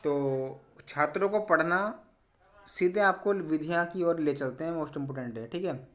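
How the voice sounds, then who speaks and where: A man teaching an exam revision lesson, moving briskly through questions and often stressing what is important. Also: a little high, fairly bright tone. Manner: brisk, repeats "important" and "ठीक है".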